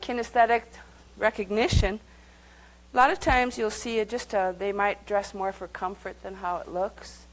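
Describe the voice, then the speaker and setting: A woman's voice: mid-range voice, fairly even intonation, normal speed, poor audio. A woman leading a live workshop, speaking conversationally and guiding the group through exercises. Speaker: workshop teacher.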